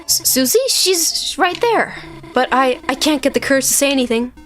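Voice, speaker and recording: A woman's voice: high-pitched, normal speed, fairly bright tone, faint music behind. A woman voicing a timid, nervous young girl from a game, asking anxious, stammering questions.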